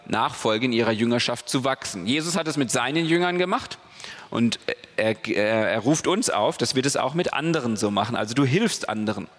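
A man's voice: medium pitch, lively intonation, fairly quick, a bit bright. Man preaching in a reverberant hall. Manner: casual, conversational preaching with frequent "ja?" and "okay?". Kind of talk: sermon.

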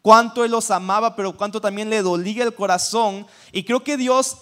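A man's voice: high-pitched, steady tone, moderate pace, fairly bright tone. A man preaching a sermon, conversational, often asking the audience questions. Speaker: pastor. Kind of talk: sermon teaching.

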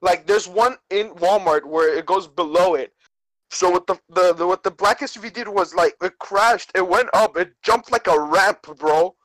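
A man's voice: high-pitched, normal speed, a bit bright, dry recording, rough recording. A young man chatting casually on a podcast as co-host, telling stories in slangy frat-bro talk full of bro and dude. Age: young adult. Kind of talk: casual chat, telling a personal story.

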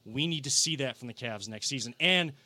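A young man hosts a casual sports talk show, speaking with energy and often doubling back on his own words. His voice is bright and forceful. The sound is dry and close, with little room around it. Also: mid-range voice, fairly quick, no echo. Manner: energetic, repeats himself. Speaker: podcast host.

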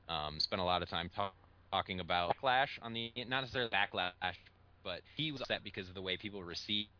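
A man's voice: low voice, dull audio. A man co-hosting a podcast from home over an online call, rambling and searching for words while his choppy audio keeps breaking up. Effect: choppy internet call audio breaking up. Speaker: podcast co-host. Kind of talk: casual chat reviewing a film. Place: at home, calling in remotely.

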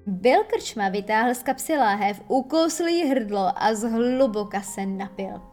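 Woman reading a kids story aloud, expressive, fairly high voice. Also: soft background music. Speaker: narrator. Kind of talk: audiobook reading.

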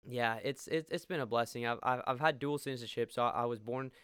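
A man's voice: medium pitch, quick pace, fairly bright tone, clear, resonant tone, no room sound, studio quality. A man in his late twenties from Peru, a podcast guest sharing his faith testimony with earnest enthusiasm and often repeating words when stuck.

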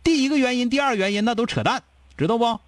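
A man with a Northeastern Mandarin accent lectures a caller bluntly, firing off one rhetorical question after another. His voice sits very high for a man and leaps around a lot. The sound is dry and close, with no room echo. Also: expressive. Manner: blunt, scolding, rapid-fire rhetorical questions. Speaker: advice show host. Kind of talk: call-in advice chat.

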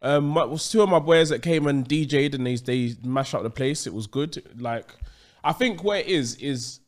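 A man's voice: fairly high pitch, moderate pace. A man with an urban London accent in casual chat, laid-back and slangy.

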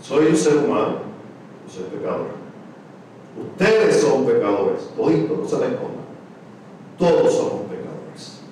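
Impassioned preacher in an echoey hall. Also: male voice, medium pitch, very animated, measured pace, long pauses, slight background noise. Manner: impassioned, swings from shouting to hushed. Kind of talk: sermon. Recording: echoey, distant room mic.

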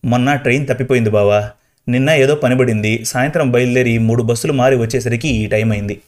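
A man's voice: mid-range voice, fast, darkish tone, close to an everyday voice. A man voicing a devoted younger brother in a spoken story, tender and coaxing. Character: devoted younger brother pleading with dying sister.

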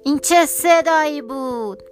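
A woman voicing a hungry, gullible male cat in a children's storybook, with drawn-out meows and a slow, loud delivery. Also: high-pitched, faint music behind, close to an everyday voice. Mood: greedy.

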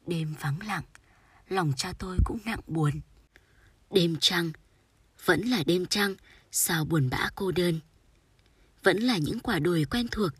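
A woman reading a sorrowful short story aloud in a soft, storytelling manner. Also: lowish voice, slightly rough, dry recording. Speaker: audiobook narrator. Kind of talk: scripted literary narration.

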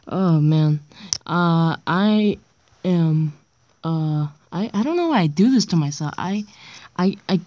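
Young girl, low-pitched, stuffy nose, hesitant casual podcast rambling, self-deprecating, dull lo-fi dictaphone recording, dry close sound. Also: dark tone, no room sound. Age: child or young teen, around sixth grade. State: stuffy nose from being sick. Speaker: amateur podcaster. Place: indoors on a bedroom floor, late at night. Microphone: handheld voice recorder.

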